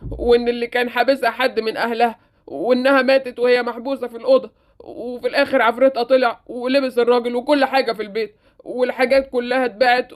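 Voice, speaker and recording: A woman plays an uneasy Egyptian shopkeeper in a Roblox story drama, who spills his account in a fast, hurried rush. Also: a little high, close to an everyday voice. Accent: Egyptian Arabic. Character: nervous male TV shop owner.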